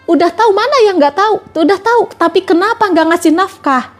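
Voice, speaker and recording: High-voiced woman preaching on a live stream. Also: lively intonation, quick pace, soft background music. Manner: repetitive rhetorical questioning. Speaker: religious speaker on a live stream. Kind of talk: live-stream religious talk.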